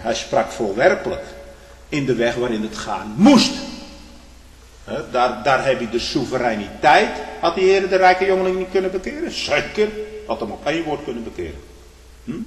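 A male pastor preaching a sermon, emphatic, swinging between loud and hushed, often tagging lines with "hm?". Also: mid-range voice. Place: church. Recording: echoey church hall.

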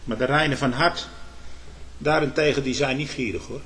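A man's voice: fairly even intonation, normal speed. A man preaching a sermon, swelling emphatically on key words and turning to his listeners with short asides. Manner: emphatic preaching with sudden swells in loudness and pitch; addresses listeners with "hoor" and "hm?".

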